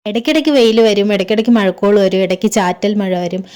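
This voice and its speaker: Female travel vlogger, southern Kerala accent. Brisk, mellow, casual voice-over, Malayalam peppered with English. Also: mid-range voice. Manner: mixes English words into Malayalam. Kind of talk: casual voice-over narration of a day trip.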